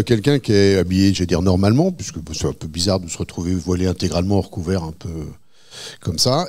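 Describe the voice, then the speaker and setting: A man's voice: on the low side, a little mellow. A man, a cartoonist, casually explaining his drawings, stumbling over fillers and repeated words.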